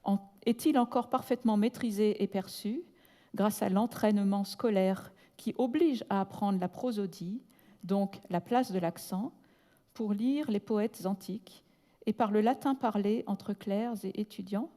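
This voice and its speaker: A woman delivers a prepared academic lecture in a large hall, her mellow, darker voice carrying a long reverb tail. She reads in a measured, deliberate way and slows right down to spell out technical terms. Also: mid-range voice. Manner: breaks off with brief asides in English. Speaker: conference speaker.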